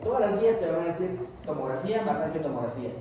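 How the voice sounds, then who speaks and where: A man giving a recorded medical lecture, asking and answering his own questions in an animated way. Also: on the high side, fast talker. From Peru. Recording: echoey room, distant mic, faint noise.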